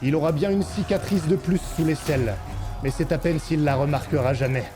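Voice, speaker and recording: A man narrating a tabletop game as game master, deliberate and dramatic, in short suspenseful phrases. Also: on the high side. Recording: loud music and effects behind.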